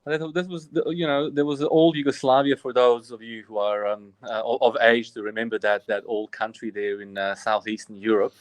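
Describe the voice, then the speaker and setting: A Bosnian Orthodox priest of about forty, appearing as an interview guest, earnestly and reflectively tells his personal story, frequently restarting his sentences. His medium-pitched voice is level and fairly quick with hardly any pauses, and there is no echo.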